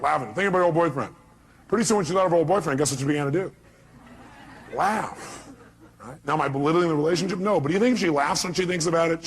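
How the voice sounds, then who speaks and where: A man giving a motivational seminar talk, animated and acting out the voices he quotes, sometimes shouting. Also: fairly high pitch, a little hiss or hum. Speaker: motivational speaker.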